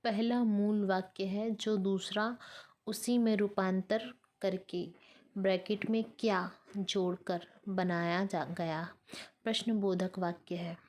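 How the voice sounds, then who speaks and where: A woman teacher with a Hindi accent dictates grammar examples at a very unhurried pace, pausing over each word. Her voice sits at an ordinary middle pitch, and she explains each sentence in a careful, step-by-step way. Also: fairly even intonation, a little mellow. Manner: slow, careful dictation of each sentence, mixing in English words. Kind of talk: reading out and explaining a grammar lesson.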